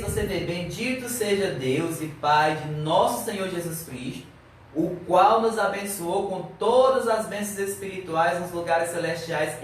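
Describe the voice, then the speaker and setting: A high-voiced man teaches a Sunday Bible lesson, earnestly pressing his class with question after question. He sounds far from the microphone in a very reverberant church hall, with a faint hiss underneath. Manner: earnest, exhorting with rhetorical questions. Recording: very echoey, distant mic, faint noise.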